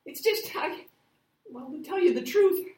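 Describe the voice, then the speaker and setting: A naive, lovestruck alien deputy played by a woman, high and very animated, slightly distant in a roomy space. The delivery is eager, comic radio-play sidekick. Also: unhurried. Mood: nervous, sheepish. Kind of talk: comic noir radio drama. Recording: roomy, set back from mic.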